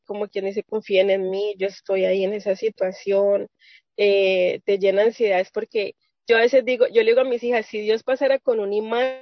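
A woman's voice: medium pitch, dry recording. An earnest woman shares a rambling church testimony, often restarting her sentences. The sound is dry and close. It comes over a muffled, lo-fi video call. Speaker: church member sharing testimony. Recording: dull lo-fi video call audio.

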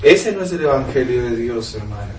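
A man's voice: mid-range voice, lively intonation, fairly quick. A man preaching a sermon, asking rhetorical questions and reading scripture aloud to his listeners. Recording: echoey room, mic at a distance, faint noise.

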